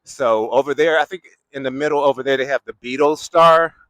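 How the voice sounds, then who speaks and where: A young man vlogs casually while strolling a city boulevard outdoors, handheld mic in hand, rambling, laughing often and circling back to his point. His voice is medium-pitched, fairly quick and fairly bright, and the recording is rough with no room sound.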